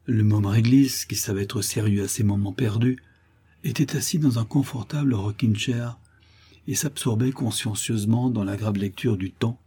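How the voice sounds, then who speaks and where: A man reading a classic novel aloud with expressive, dramatic storytelling. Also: on the low side, breathy edge. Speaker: audiobook reader. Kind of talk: scripted narration of a classic novel.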